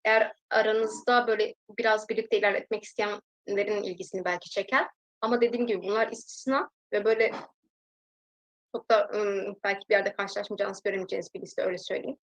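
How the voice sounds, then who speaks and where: A young adult woman giving a recorded language lesson, patiently explaining grammar and repeating example sentences slowly. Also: mid-range voice, fairly even intonation, low-quality recording. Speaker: language teacher.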